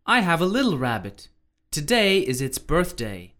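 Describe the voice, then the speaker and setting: A kind, gentle rabbit from a children's storybook speaks in a fairly low voice that rises and falls a great deal, as a woman acts her out. The delivery stays lively and expressive throughout. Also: moderate pace. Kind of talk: children's English-lesson story.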